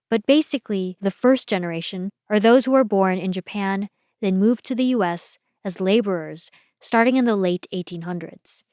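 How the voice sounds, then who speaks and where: A woman hosting a podcast, reading a scripted documentary narration in a measured, explanatory way. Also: mid-range voice, clear, resonant tone, dry recording, studio quality. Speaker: podcast host.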